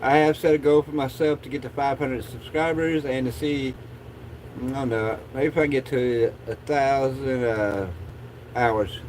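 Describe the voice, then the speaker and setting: A man's voice: medium pitch, fairly even intonation, a little slow, a little mellow, slight background noise, poor audio. A man chatting casually as a livestream host in a laid-back, rambling stoner drawl.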